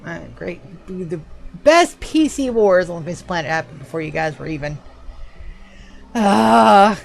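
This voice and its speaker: A woman's voice: fairly low pitch, animated, moderate pace, creaky. A woman in her forties chatting on a live game stream, rambling and wry, swearing casually. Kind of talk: casual livestream chat.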